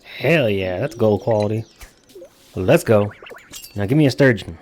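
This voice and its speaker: A man's voice: on the low side, expressive, unhurried, darkish tone, slight background noise. A man hosting a gaming video with casual commentary, speaking informally and jokingly with free use of swearing.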